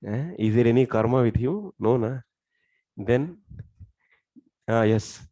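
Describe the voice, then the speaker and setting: A man's voice: mid-range voice, lively intonation, slow, dark tone, dry recording, lo-fi sound. A man with a South Indian accent teaching a religious lesson step by step, often putting questions to his listeners. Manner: explains step by step, asking questions. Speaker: scripture teacher.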